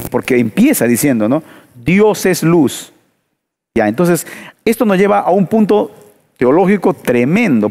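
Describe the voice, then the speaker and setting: A man's voice: medium pitch, a little mellow. A man preaching in a panel discussion, asking rhetorical questions and telling stories with emphasis.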